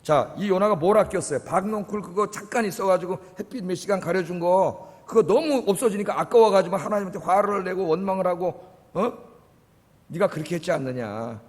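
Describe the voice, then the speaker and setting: Male pastor, high-pitched, preaches emphatically with dramatic quotes; reverberant sanctuary. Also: brisk. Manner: emphatic preaching, quoting God and Jonah with rising intensity. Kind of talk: sermon. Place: church sanctuary. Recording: long reverb of a church hall.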